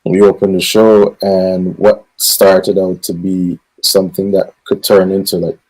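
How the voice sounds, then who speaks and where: The audio is rough, and the speaker is a Guyanese gospel singer in his thirties recounting his life in a casual interview. He speaks in an unhurried, flat, low voice with a slightly mellow quality, wandering off track and leaning heavily on fillers.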